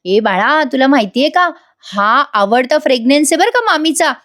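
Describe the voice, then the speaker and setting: A woman's voice: high-pitched, animated, moderate pace, fairly bright tone. A woman voicing a pampered young husband who talks in a teasing, playful way.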